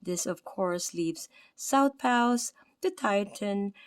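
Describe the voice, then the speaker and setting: A tired woman from the Philippines, with a Filipino accent, reads an anatomy textbook aloud as a study presenter, correcting her own slips and adding "okay" and "right?". Her medium-pitched voice is animated and slow, clear and resonant, recorded at studio quality with no room sound.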